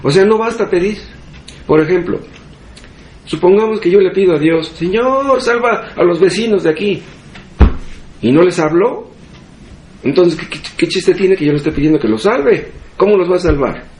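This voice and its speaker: A man's voice: sits high, animated, moderate pace, darkish tone, reverberant. A man with a Mexican Spanish accent preaching a sermon as pastor, asking rhetorical questions and repeating phrases for emphasis. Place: church hall.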